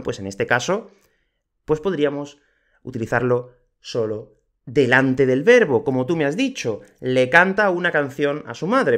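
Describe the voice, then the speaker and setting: Lively male Spanish teacher. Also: medium pitch. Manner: slow, clear delivery of examples with lively emphasis. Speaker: Spanish teacher and podcast host. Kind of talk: explaining grammar to learners. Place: home, moving to his terrace.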